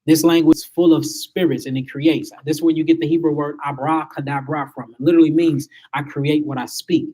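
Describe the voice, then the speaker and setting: A man's voice: a little high, steady tone, brisk, few pauses, mellow. A man giving an emphatic spiritual lecture to a small group, asking his listeners rhetorical questions.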